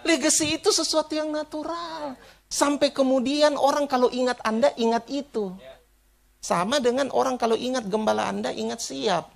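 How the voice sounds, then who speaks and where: A man from Indonesia preaching a sermon, an animated storyteller who imitates people and laughs along. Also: extremely high pitch, moderate pace, vocal fry, noisy background. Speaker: pastor.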